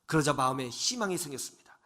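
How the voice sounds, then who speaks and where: A middle-aged male preacher telling a story in a radio sermon, dramatic, dropping at times to hushed whispers. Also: mid-range voice, lively intonation, quick pace.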